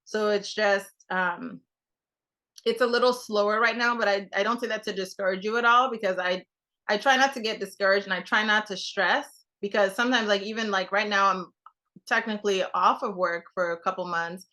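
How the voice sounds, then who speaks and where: A young Trinidadian woman who works as a television producer chats casually as a guest, rambling with plenty of fillers and restarts. Her voice is medium in pitch and fairly even in intonation, at a normal speed, with a bright, forceful tone.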